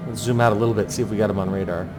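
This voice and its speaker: Guy talking himself thru a plane landing, short pilot lingo, thinking out loud, music behind him. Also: lowish voice, steady tone, rapid-fire. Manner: thinks aloud in clipped aviation jargon. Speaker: flight simulator pilot narrating. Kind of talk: running commentary on a flight approach.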